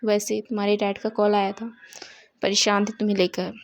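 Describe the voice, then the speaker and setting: A woman's voice: mid-range voice, little pitch movement, normal speed, pitched below the performer's own voice, close to an everyday voice. A woman voicing a curt, cocky young woman. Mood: dismissive. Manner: curt, dismissive.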